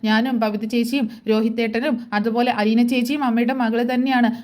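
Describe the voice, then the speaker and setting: A woman voicing a gentle young daughter who pleads softly and slowly with her mother, in a serial retelling. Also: fairly high pitch, steady tone, close to an everyday voice. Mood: pleading.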